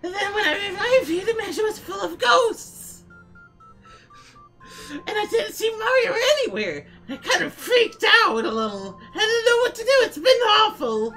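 A woman's voice: extremely high pitch, sing-song, moderate pace, a bit bright, faint music behind, heavily acted, poor audio. A woman voicing Toad as a small, frantic, whiny mushroom man with a screechy voice, dubbing game dialogue in a melodramatic wail. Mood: frantic pleading. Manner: wailing, melodramatic pleading.

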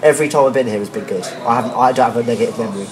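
Guy co-hosting, upbeat and chatty, agrees a lot, pub crowd behind. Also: mid-range voice. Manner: enthusiastic, chatty, quick to agree. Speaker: co-host. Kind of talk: casual pub chat. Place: pubs and streets in a busy city.

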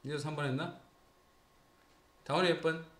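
A man's voice: on the high side, steady tone, normal speed, a bit bright, slight background noise. A man with a Gyeongsang accent teaching a grammar lesson to a small class, quizzing students and teasing them as he goes. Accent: Gyeongsang Korean. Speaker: English teacher. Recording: roomy classroom echo.

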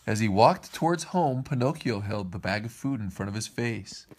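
A man's voice: fairly low pitch, normal speed, a little hiss or hum. A man reading a storybook aloud to his kids, putting on voices for the characters. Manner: lively read-aloud, puts on voices for each character.

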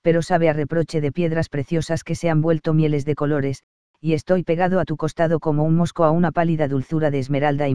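A man voicing Kukulkan, an ecstatic, lyrical male sun god, in an audiobook reading of a verse play with a slow, incantatory delivery. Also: a little high, a little mellow, smooth, no echo, clean studio sound, natural voice.

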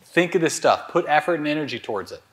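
Coaching a live sales seminar in front of an audience, this man speaks quickly and animatedly in a fairly high pitch. His commands to speed up are loud and pressing, broken up by crude, joking asides.

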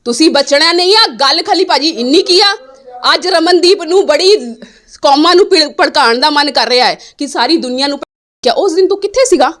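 A woman's voice: high voice, animated, brisk, a bit bright. A woman, answering interview questions in an angry, defiant way and repeating her points. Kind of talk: heated interview.

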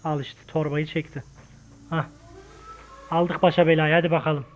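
A young man giving casual, slangy gameplay commentary, shouting taunts and swearing during fights. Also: fairly high pitch, little pitch movement, normal speed. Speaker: gaming channel host.

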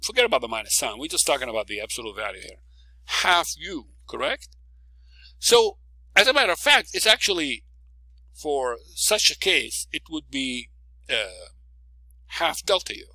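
A man's voice: medium pitch, sing-song, moderate pace, pauses often, pushed and bright, no room sound, rough recording. A man teaching a recorded physics lecture, working through a problem step by step, stressing key words and often checking in with "okay?". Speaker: physics professor.

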